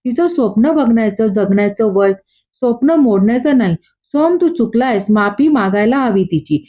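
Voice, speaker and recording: A woman's voice: a little high, lively intonation, moderate pace, mellow. A woman reading as a reproachful lecturing aunt. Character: older aunt lecturing a wayward nephew. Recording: dull lo-fi.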